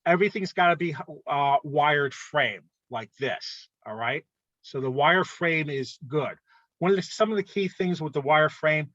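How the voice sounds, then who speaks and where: A man presenting rules to an art club in a casual instructional talk, often pausing to ask "okay?". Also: a little high, fairly bright tone, no room sound, muffled recording. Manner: conversational, frequent "okay?" check-ins.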